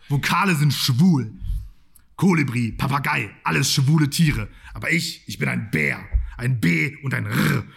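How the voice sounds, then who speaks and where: A man's voice: medium pitch, vocal fry, slightly rough. A man performing a boastful macho bearded man in a comic monologue, full of swaggering mock-tough bragging. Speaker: podcast host.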